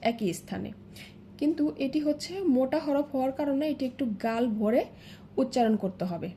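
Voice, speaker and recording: A woman teaching Arabic letters in a slow, step-by-step lesson, patiently repeating each sound several times. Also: a little high, warm tone, a little hiss or hum.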